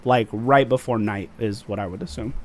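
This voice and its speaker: A man's voice: lowish voice, moderate pace, a little mellow. A man hosting a casual review podcast, talking animatedly and mocking quoted lines in put-on voices. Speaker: podcast host.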